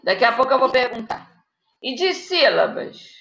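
A woman with a Brazilian Portuguese accent, a primary school teacher, patiently dictates to young children in a live online class and checks in often. Her voice is highish, fairly bright and creaky, very animated at a moderate pace. It's captured as echoey, muffled video-call audio.

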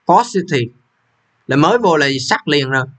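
A young male English teacher with a high, fairly bright voice and lively intonation speaks at a normal speed. He walks students through an English exam, repeating the question numbers and checking that they are following along.

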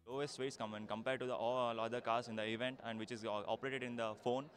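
A young man, a student interviewed outdoors on a handheld mic, speaking haltingly with many fillers. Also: mid-range voice, flat delivery, fairly bright tone, soft background music. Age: young adult. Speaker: engineering student. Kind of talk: on-camera news interview. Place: outdoors on a college campus. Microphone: handheld news mic.

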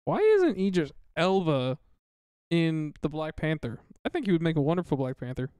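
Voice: mid-range voice, very animated, moderate pace, mellow, clear, resonant tone, no echo, studio quality. A co-host of a casual movie commentary, talking in a playful, joking way.

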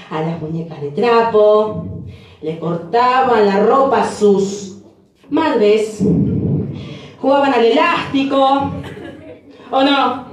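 Argentine guy doing stand-up live, pretty high voice, brash and chatty, mic far off in a big echoey hall. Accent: Argentine, Entre Ríos. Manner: brash, chatty crowd banter, shouts and sung bits. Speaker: stand-up comedian. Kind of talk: live one-man comedy show. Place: municipal cultural center stage, live.

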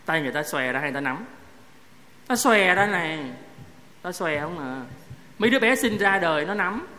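High-voiced priest preaching in a church. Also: male voice, expressive, brisk, bright, forceful tone. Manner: conversational, asks the congregation questions. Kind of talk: sermon. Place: parish church. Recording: echoey church hall, faint noise.

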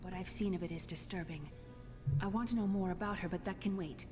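A woman's voice: lowish voice, brisk, natural voice. An actress playing an earnest, determined young woman adventurer in a video game, speaking plainly. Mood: troubled, resolute. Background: game music.

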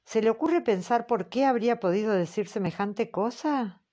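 A woman reading the part of a formal man questioning a witness, slow and patient. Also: fairly high pitch, animated, dark tone. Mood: probing. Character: measured male examiner, formal and patient. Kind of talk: audiobook character reading.

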